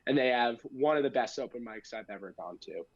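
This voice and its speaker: A young American man chats as a podcast guest, spinning a casual story in slangy, self-deprecating style. His voice is mid-pitched and close, in a dry but slightly muffled recording. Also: animated, fairly quick, breathy edge, no room sound. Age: young adult. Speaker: guest, amateur stand-up comedian.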